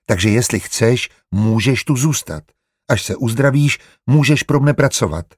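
A man voicing a patient, kindly doctor who calmly reasons in a storybook reading. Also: mid-range voice, breathy edge, dry recording, clean studio sound.

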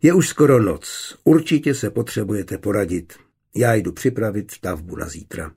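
A man voicing a shrewd, confident young glassmaker who bargains calmly, in an audiobook. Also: lowish voice, gravelly, husky, exaggerated voice. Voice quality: calm, measured.

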